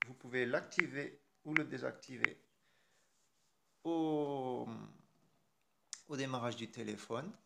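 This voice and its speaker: A man's voice: mid-range voice, slow pace, creaky, pauses often, noisy background. A man with a French accent hosting a casual phone tutorial, chatty and irreverent, with mild swearing. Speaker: tech tutorial host. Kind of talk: casual screen-recorded tutorial.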